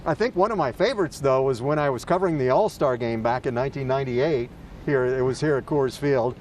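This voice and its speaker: A man's voice: medium pitch, a little fast, slight background noise. A man co-anchoring a morning news show, sharing memories in friendly, anecdotal studio chat.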